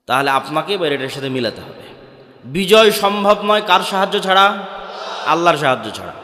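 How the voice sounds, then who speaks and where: Man, sermon, Bangladeshi Bengali accent, higher voice, long hall reverb. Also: sing-song, brisk, sharp tone. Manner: rhetorical questions answered by himself. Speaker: preacher. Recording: echoey hall.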